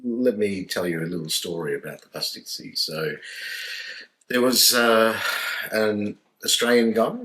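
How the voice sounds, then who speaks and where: Low-voiced man telling jokes. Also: measured pace. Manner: playful, deadpan storytelling. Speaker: co-host, joke teller. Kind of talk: casual chat and joke telling.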